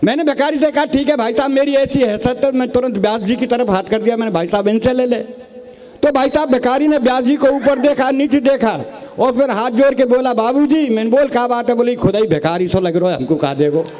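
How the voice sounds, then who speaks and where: A man's voice: extremely high pitch, a little fast, a little mellow. A man in his sixties from Rajasthan, with a Rajasthani Hindi accent, telling funny stories at a comic poetry recital and acting out the dialogue. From Rajasthan, India. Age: 60s. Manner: anecdotal storytelling, acting out dialogue. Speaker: comic poet.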